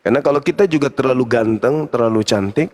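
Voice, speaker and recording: An older man, hosting a casual chat and giving fatherly, lecturing advice with animated stories. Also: mid-range voice, quick pace, heavy background noise. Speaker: host.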